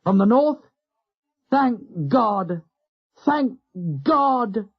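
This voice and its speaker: A man shouting as a fierce, exhausted naval commander. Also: high-pitched, sing-song, a little slow, husky, voice pushed up, full character voice. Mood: exultant shouting. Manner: shouting, exultant then anxious. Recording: dull lo-fi audio.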